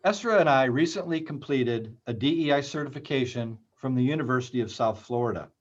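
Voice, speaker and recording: A man, a university library dean, reading a scripted conference presentation in a measured way. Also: mid-range voice. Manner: measured, read-aloud delivery. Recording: slightly muffled lo-fi recording.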